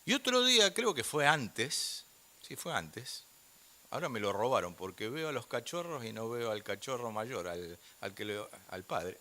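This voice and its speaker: An older man with an Argentine accent preaching a sermon in church, swinging from loud emphasis down to near-whispers. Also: mid-range voice, big pitch swings, normal speed. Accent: Argentine Spanish. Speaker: guest preacher.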